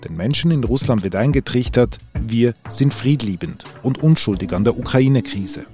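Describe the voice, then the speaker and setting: A man's voice: mid-range voice, animated, moderate pace, dark tone, faint music behind. A man hosting a conversational news interview. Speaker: podcast host.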